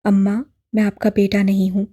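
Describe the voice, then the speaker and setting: A woman voicing a distraught young man who pleads and shouts in despair, in an audiobook drama. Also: mid-range voice, completely flat delivery, moderate pace, lightly acted. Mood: desperate.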